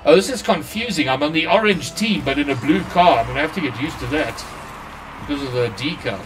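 A man's voice: fairly high pitch, expressive, a little fast, a bit bright, recorded from a distance, soft background music. A man commenting on his own gameplay during a live stream, his voice run through a voice changer. He chats with viewers between plays and swears when things go wrong. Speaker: gaming streamer.

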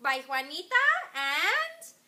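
A woman's voice: sits high, sing-song, slow, pushed and bright, exaggerated voice. A young woman playing a gushing, flamboyant infomercial saleswoman, giving an exaggerated hard sell with words mixed in. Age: young adult. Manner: gushing, exaggerated, drawn out, mixing in Spanish words. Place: classroom with whiteboard.

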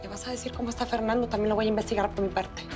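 Defiant wife played by an actress, really fast talker, highish voice, demanding, tv drama. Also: female voice, fairly even intonation, lightly acted. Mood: urgent, defiant. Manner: brusque, demanding. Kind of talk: naturalistic TV drama acting. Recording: background music under dialogue.

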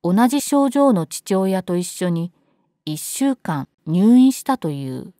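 A woman's voice: mid-range voice, big pitch swings, slow pace, dark tone, dry recording, clean studio sound. A woman reading a scary story aloud as scripted narration.

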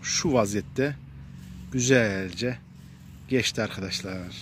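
A man calmly talking viewers through a repair job step by step, pausing often with fillers as he works. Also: fairly low pitch, slight background noise. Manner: plain and unhurried, addresses viewers as friends, frequent filler pauses. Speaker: DIY repair presenter. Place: workshop bench and outdoor paved yard.

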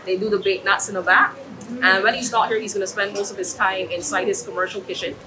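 A woman's voice: medium pitch, steady tone, fast, background noise. A Barbadian woman explains things patiently as a food tour guide, talking through a face mask. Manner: explains patiently and clearly, like a teacher. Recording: clear music playing behind her voice.

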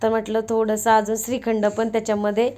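A woman's voice: fairly high pitch, monotone, fast talker, dark tone. A young woman, chatting homely and straight to her viewers as she narrates her vlog. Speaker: vlogger.

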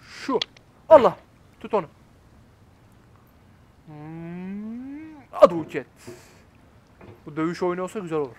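A young Turkish man in his twenties talks his way through a frustrating game in a high voice, muttering encouragement and grumbling at himself. A faint hum sits behind him. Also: lively intonation, a little fast, long pauses, a little mellow. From Turkey. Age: 20s. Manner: talks to himself, coaxing and fretting. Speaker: gaming YouTuber. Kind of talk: casual gameplay commentary.

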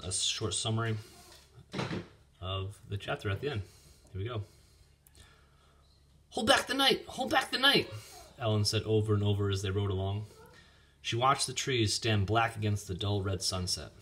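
A man reading a children's chapter book aloud in an expressive, lively manner. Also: on the low side, normal speed, a little hiss or hum. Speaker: reader. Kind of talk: storybook read-aloud.

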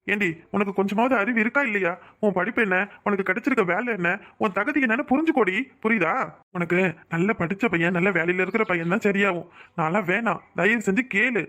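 A man voicing a gruff young village husband in a cartoon, curt and scolding. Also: high voice, fast, pushed and bright. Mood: brusque. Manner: brusque and scolding. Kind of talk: cartoon voice acting.

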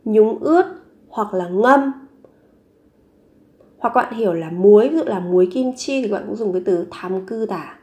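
A woman teaching a vocabulary lesson, saying each word three times slowly before explaining it. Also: mid-range voice, expressive, darkish tone, dull audio. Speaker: language teacher.

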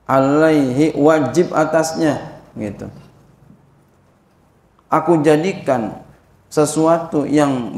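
A man teaching an informal religious lesson, slowly explaining a classical text, checking understanding and chanting Arabic phrases. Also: a little mellow. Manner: slow and repetitive, frequent "ya" and "paham?" checks, chants Arabic phrases higher. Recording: echoey room.

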